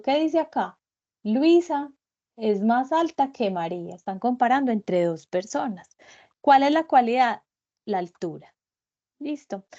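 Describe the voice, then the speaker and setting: A woman's voice: medium pitch, darkish tone. Patient woman teaching English online. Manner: patient, step-by-step explaining, often checking with "¿cierto?". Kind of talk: online grammar lecture. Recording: dull lo-fi web conference audio.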